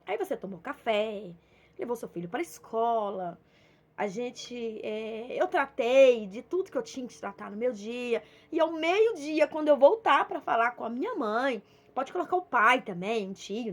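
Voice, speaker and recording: A young adult woman with a Minas Gerais accent, giving an informal devotional talk, telling a homely story and acting out bits of dialogue. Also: a little high. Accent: Minas Gerais Portuguese. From Minas Gerais, Brazil. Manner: conversational, storytelling with acted dialogue. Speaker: preacher.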